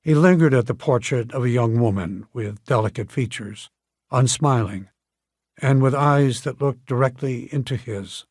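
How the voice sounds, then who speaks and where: Husky male audiobook narrator. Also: mid-range voice, a little mellow, no echo, studio quality. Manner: measured storytelling. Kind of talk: scripted narration.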